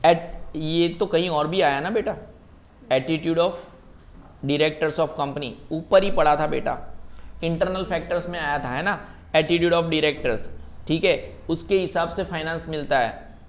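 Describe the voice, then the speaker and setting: A man teaching a class, reading English terms out slowly and checking that his students follow, calling them beta. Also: fairly high pitch, lo-fi sound. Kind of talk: class lecture.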